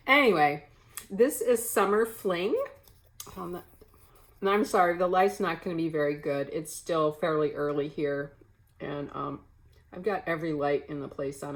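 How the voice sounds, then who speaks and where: A woman's voice: low-pitched, moderate pace, poor audio. A woman chatting casually to camera at home in a crafting vlog, rambling with many fillers and self-corrections. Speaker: cross-stitch vlogger. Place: home, early morning.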